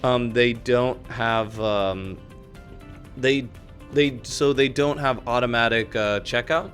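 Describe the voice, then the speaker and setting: A man's voice: mid-range voice, takes it slowly, fairly bright tone, faint music behind. Man telling rambling casual stories. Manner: rambling, storytelling with many fillers and restarts. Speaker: podcast co-host. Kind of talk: casual chat.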